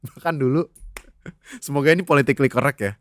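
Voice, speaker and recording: A young man, chatting as a podcast guest, an animated storyteller who laughs often and mixes in English phrases. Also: mid-range voice, brisk, no echo. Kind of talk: casual chat.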